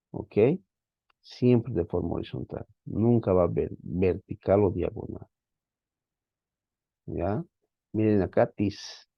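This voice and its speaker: A man's voice: deep voice, creaky, no room sound. Patient man teaching a class. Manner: patient, repeats and checks with the class. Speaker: Greek teacher. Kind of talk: online class lecture. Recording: dull, dry lo-fi recording.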